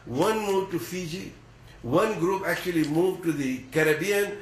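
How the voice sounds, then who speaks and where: A man from East Africa delivering an earnest sermon at a measured, deliberate pace. His voice sits a little high for a man and carries into a roomy, echoing space. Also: a little hiss or hum. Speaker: preacher. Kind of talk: religious sermon.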